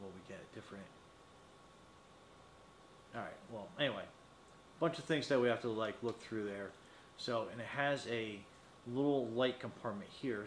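A product reviewer in his fifties has a lowish yet fairly bright voice. He gives a loose, unscripted demonstration at his desk in a small indoor studio with metal walls, thinking aloud and wandering a little. The space sounds echoey, with faint background noise.

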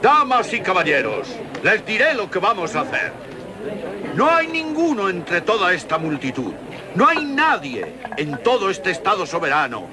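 An actor playing a grandiose middle-aged huckster in a dubbed western film, giving a theatrical carnival barker sales pitch. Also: male voice, wildly swooping pitch, moderate pace, crowd noise. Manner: grandiose, theatrical speech-making. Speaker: travelling tonic salesman.

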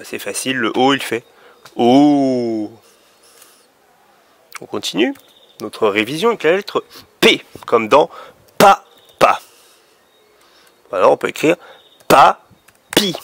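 A man's voice: medium pitch, gravelly, a bit bright, dry recording. A man teaching young children letter sounds, patiently drawing out each sound. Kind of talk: phonics lesson for young children.

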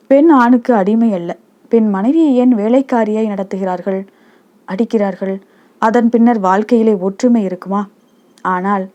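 Calm woman reading a short story. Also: medium pitch, lo-fi sound.

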